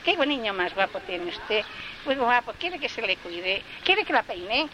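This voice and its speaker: Brief: woman putting on a high, falsely sweet, pushy envious woman; noisy field tape. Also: very animated, measured pace. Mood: coaxing.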